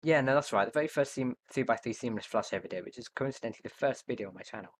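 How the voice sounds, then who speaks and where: A man's voice: mid-range voice, rapid-fire, a little hiss or hum. Young man muttering through a livestream. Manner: hesitant, muttering to himself with fillers. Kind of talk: live gameplay commentary, thinking aloud.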